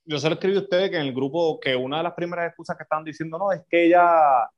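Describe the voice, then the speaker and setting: A man's voice: fairly high pitch, rapid-fire. Puerto rican guy cussing nonstop on a podcast, kinda muffled audio. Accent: Puerto Rican Spanish. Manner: profane, emotional, swears constantly. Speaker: podcast co-host. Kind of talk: casual chat. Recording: slightly dull lo-fi audio.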